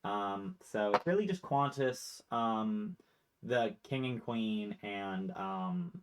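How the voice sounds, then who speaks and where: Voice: mid-range voice, sing-song, slow pace, noisy background. A game master narrating a tabletop role-playing game in a casual way, with many fillers.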